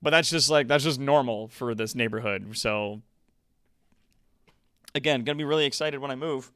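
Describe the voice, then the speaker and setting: Talking to stream viewers from his home setup, this man curses liberally and throws out lively asides. He has a clear, resonant, medium-pitched voice at a moderate pace, captured with clean studio sound and no room sound.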